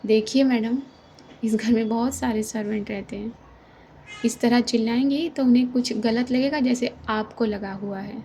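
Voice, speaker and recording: A woman's voice: fairly high pitch, fairly even intonation, moderate pace, mellow, a little hiss or hum, close to an everyday voice. A woman doing a cold, curt young woman. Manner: curt, dismissive, controlled. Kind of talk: audio drama reading.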